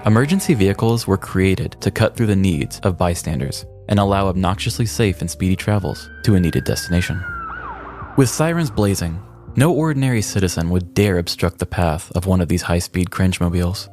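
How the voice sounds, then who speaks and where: A man with a low-pitched, animated, slightly mellow voice speaks a little fast over faint background music. He's a podcast host reading scripted comedic narration in a mock-dramatic, tongue-in-cheek storytelling style.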